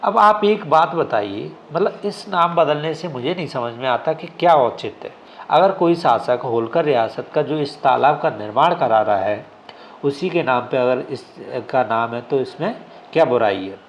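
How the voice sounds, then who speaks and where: A man's voice: mid-range voice, expressive, moderate pace, highs cut off, a little hiss or hum. A male exam coaching teacher giving a classroom lecture. He keeps asking questions and answering them himself, often checking with "ठीक है?".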